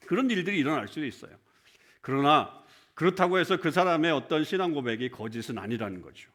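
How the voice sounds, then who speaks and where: A man's voice: fairly high pitch, fairly bright tone. A male pastor giving a conversational sermon in church, often putting questions to the congregation. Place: church sanctuary.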